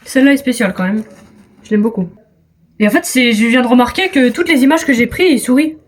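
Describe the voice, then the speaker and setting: A woman's voice: on the high side, quick pace, slight background noise. A teenage girl with a French accent chatting casually in a vlog, self-mocking, with hesitant restarts and trailing off. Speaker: vlogger. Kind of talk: casual chat.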